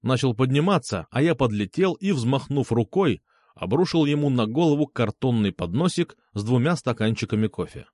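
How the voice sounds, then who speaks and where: A man's voice: mid-range voice, animated, moderate pace, darkish tone, no room sound, clean studio sound. A man narrating a first-person audiobook with sardonic, coarse humor.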